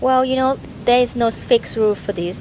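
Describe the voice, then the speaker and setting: A woman's voice: fairly high pitch, fast, a little mellow, a little hiss or hum, rough recording. A woman in her thirties from Thailand with a Thai accent, teaching a conversational language lesson step by step and prompting her learner with questions. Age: 30s.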